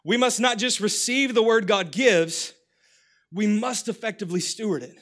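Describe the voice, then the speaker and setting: A man in his thirties preaching a lively, humorous sermon, calling on the congregation to repeat after him, his voice starting to go hoarse. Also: high-pitched, moderate pace. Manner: energetic, humorous preaching with crowd call-and-response. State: voice getting hoarse. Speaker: pastor.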